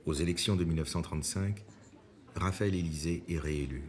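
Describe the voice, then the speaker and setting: A man reading scripted documentary narration in a measured, composed way. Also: sits low.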